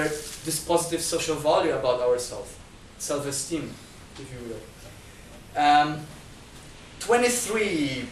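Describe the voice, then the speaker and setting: A man with a fairly high voice, not a native Chinese speaker, gives a lecture-style talk as a guest speaker at a discussion group, held indoors at a talk venue. He steps through numbered points, often restarting and repeating words. The recording was made with a distant mic in an echoey room and has slight background noise.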